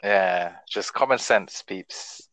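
A man's voice: low-pitched, takes it slowly, a bit bright, rough recording. A man chatting casually in emphatic slang. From Britain.

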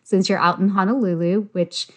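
An upbeat woman hosts an interview, introducing her guest with casual enthusiasm. She talks in a relaxed flow with plenty of fillers. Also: medium pitch, moderate pace. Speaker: podcast host.

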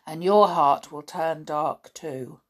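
A woman voicing a kindly old male hospital porter who talks slowly and formally with a slur. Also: a little high. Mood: earnest. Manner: slurred, slow and formal.

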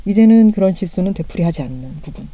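Gentle woman podcast host, animated tone. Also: medium pitch, fast, crowd noise. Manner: gentle, affirming listener. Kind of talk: interview questions.

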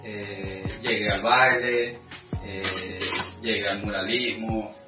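A Venezuelan man in his thirties, a guest artist, telling his story in a casual interview with many thoughtful pauses and fillers. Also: lowish voice, fairly even intonation. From Venezuela, the llanos. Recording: echoey room, distant lo-fi mic, music.

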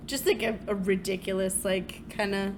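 A woman co-hosting a podcast in casual, comedic chat, chatty and quick to laugh. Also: medium pitch, fairly even intonation, background noise. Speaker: podcast co-host.

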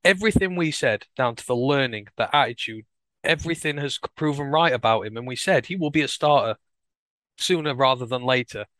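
A man's voice: medium pitch, lively intonation, a little fast, fairly bright tone, no echo. A man talking casually and enthusiastically on a sports podcast, stressing his points. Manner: enthusiastic, emphatic, repeats words. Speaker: co-host.

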